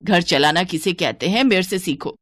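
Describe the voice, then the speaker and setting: A woman's voice: on the low side, lively intonation, normal speed, a bit bright, no room sound. A woman doing a stingy, bossy old mother-in-law. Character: miserly, scheming older mother-in-law. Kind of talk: cartoon voice acting.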